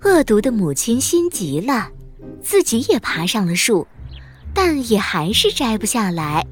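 A woman narrating a children's audio story, with slow, expressive storytelling. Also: on the high side, faint music behind.

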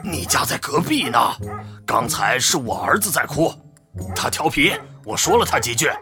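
A woman voicing an irritated neighbor woman in a children's storybook, brusque and quick. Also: extremely low pitch, sing-song, over music, pitched below the performer's own voice.

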